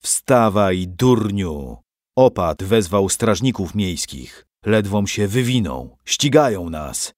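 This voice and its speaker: Mężczyzna czytający audiobooka, grający groźnego złoczyńcę, który szorstko wydaje rozkazy. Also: male voice, lowish voice, animated, slow, darkish tone, no room sound, studio quality. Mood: menacing. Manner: gruff, threatening orders. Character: menacing grown man, a scheming villain. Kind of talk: audiobook character voice.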